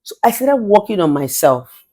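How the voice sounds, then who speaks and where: A middle-aged Nigerian relationship therapist gives motivational advice at a normal pace, her medium-pitched voice swinging widely up and down. She sounds commanding and authoritative, pressing her points forcefully and dropping in bits of Pidgin.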